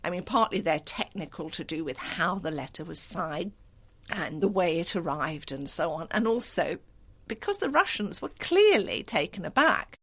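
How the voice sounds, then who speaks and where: A woman explaining events in a documentary interview, speaking in a lively way. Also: on the low side, normal speed.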